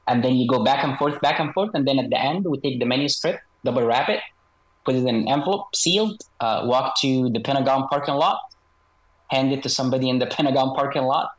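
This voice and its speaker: Male interview guest, slightly disguised processed voice, mid pitch, measured and halting, conversational explanations. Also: rough recording. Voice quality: slightly electronically altered voice. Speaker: interview guest, author and former military unit member.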